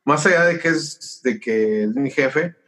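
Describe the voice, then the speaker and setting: A man's voice: mid-range voice, measured pace. A middle-aged man with a Mexican accent, a pastor and musician telling his story in a casual interview and acting out the conversations. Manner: animated, acts out conversations while telling a story.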